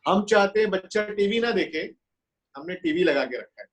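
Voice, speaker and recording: A man giving an earnest webinar lecture on raising children, asking rhetorical questions with impassioned swings between raised and hushed delivery. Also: high-pitched, expressive, moderate pace, poor audio. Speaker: webinar speaker on parenting. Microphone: webinar call audio.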